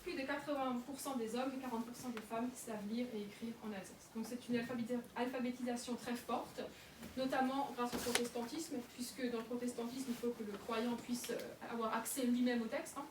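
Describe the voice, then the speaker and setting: A woman's voice: fairly high pitch, fairly even intonation, fairly quick. A young woman giving a public lecture in a museum, talking with many fillers and restarts. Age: young adult. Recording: echoey room, mic far off, noisy.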